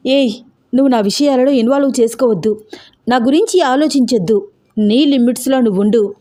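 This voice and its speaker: A woman voicing a tearful, hot-tempered young woman who shouts and scolds. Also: on the high side, brisk, lightly acted. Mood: upset. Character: young woman, fiery and tearful, quick to anger.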